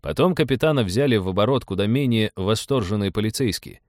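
Мужчина-чтец, размеренно читающий фантастическую прозу вслух. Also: male voice, fairly low pitch, lively intonation, darkish tone, no room sound, clean studio sound. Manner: measured storytelling. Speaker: audiobook narrator. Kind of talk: scripted narration.

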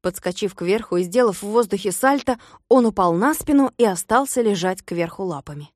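A woman narrating a children's tale with lively, expressive storytelling. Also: mid-range voice, fairly quick, no echo. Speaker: audiobook narrator. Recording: dry close recording.

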